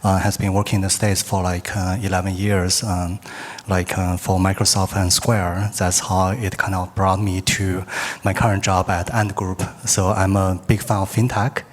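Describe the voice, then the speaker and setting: A man from China introducing himself on a panel in relaxed, casual English with many fillers. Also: sits low, normal speed.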